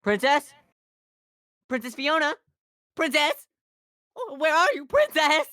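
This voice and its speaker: A woman's voice: high-pitched, sing-song, slow, sharp tone, dry recording, clean studio sound, heavily acted. A woman voicing a jittery, talkative male donkey who stammers and rambles in an amateur fan dub. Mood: nervous.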